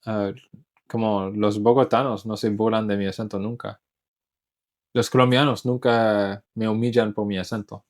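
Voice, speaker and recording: A man's voice: lowish voice, little pitch movement, moderate pace. A man whose first language is English, an English teacher talking casually in Spanish, thoughtful, often restarting words as he searches for them. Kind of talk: casual talk to camera.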